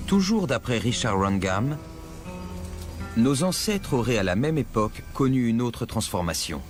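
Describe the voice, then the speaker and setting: A man narrating a scripted nature documentary in a measured, explanatory storytelling manner. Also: mid-range voice, very animated. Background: music.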